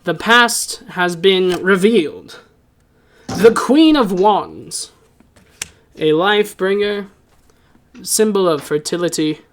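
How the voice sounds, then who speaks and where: A man voicing a cryptic, commanding old woman fortune teller in a tabletop game, with a slow, ominous delivery. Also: high-pitched, animated. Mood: solemn, portentous. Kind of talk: tabletop game role-play.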